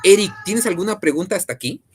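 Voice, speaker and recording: A man's voice: high voice, lively intonation, fast, a little mellow, slight background noise. Mexican man lecturing, chatty fillers. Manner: conversational, frequent fillers and question tags. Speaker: teacher. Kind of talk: online class lecture.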